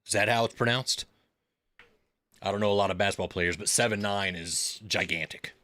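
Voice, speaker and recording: Chatty man in his thirties, bright voice. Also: lowish voice, normal speed. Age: 30s. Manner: rambling storyteller with filler words and restarts. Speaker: live stream host. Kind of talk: casual live-stream chat.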